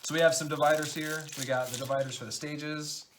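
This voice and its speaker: A game designer chatting excitedly through an unboxing, halting often with fillers. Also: male voice, on the high side, noisy background. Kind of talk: casual unboxing chat.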